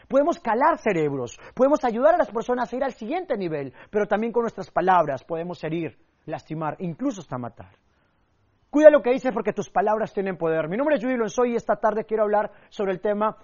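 Young guy coaching public speaking, high voice, punchy and lively, a bit dull lo-fi sound. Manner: energetic, emphatic, acts out quotes and sound effects. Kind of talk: motivational speaking lesson with stories.

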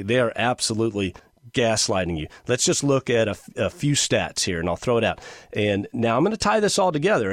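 A man's voice: medium pitch, no echo, clean studio sound. A middle-aged man hosting a radio show, talking in an emphatic, conversational way with fillers. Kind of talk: talk radio monologue.

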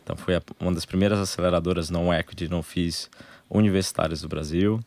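A young adult man with a Brazilian Portuguese accent, a guest in a casual interview, explaining things in short, halting phrases. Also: low-pitched, steady tone, vocal fry, a little mellow, no room sound. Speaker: interview guest, angel investor group member.

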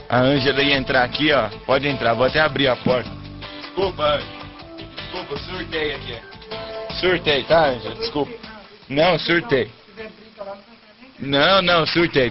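A man hosting a call-in radio show, animated and prone to bursts of mock outrage. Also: on the high side. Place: radio studio. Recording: dull radio broadcast with music behind.

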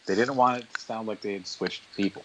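A man guest on an interview podcast, telling animated stories in casual chat and quoting people in their voices. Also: fairly low pitch, fairly quick, background noise. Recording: dull lo-fi sound.

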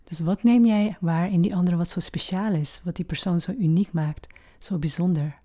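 Soft, mellow woman guiding a meditation. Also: on the low side. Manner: slow, gentle, with long pauses. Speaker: meditation guide. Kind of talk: guided meditation.

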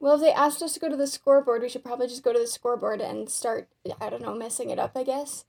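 A woman's voice: on the high side, fairly even intonation, quick pace, gravelly, a little mellow. A woman playing a tabletop game, chatting casually, hesitant and giggly, with slight noise on her recording. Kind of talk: casual chat during a role-playing game.

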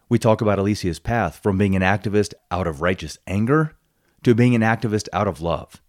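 A man hosting a conversational podcast, speaking in an earnest, measured way as he introduces his guest and asks questions. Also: fairly low pitch, darkish tone, no room sound, studio quality. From Colorado. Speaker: podcast host. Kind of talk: podcast interview.

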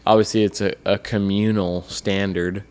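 Man, podcast co-host, earnest, halting speech, lowish voice. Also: level tone, darkish tone, clear, resonant tone. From United States. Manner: halting, earnest, many restarts. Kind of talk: casual podcast chat.

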